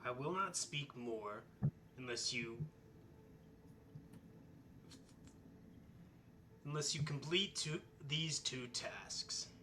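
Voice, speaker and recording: A man's voice: mid-range voice, lively intonation, background noise. A man voicing a cold, impatient old female hag in a tabletop game, curt and demanding. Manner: curt, demanding, slow and deliberate. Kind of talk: tabletop role-play voicing.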